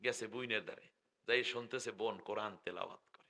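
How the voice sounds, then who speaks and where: A middle-aged man with a Bangladeshi Bengali accent, preaching loudly through a stage microphone at a public gathering, joking with the crowd and drawing out his call phrases. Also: on the low side, creaky. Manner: loud, joking, drawn-out chanting of call phrases. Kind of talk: live sermon with crowd call-and-response. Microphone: stage microphone through loudspeakers.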